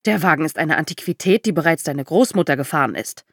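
A woman's voice: lowish voice, fairly quick, no room sound, clean studio sound, close to an everyday voice. A woman reading an audiobook, voicing the narrator's proud, formal mother. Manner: indignant, formal.

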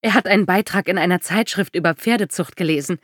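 A woman's voice: on the low side, quick pace, husky, dry recording, studio quality. A woman reading an audiobook, voicing the narrator's proud, formal mother. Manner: indignant, formal.

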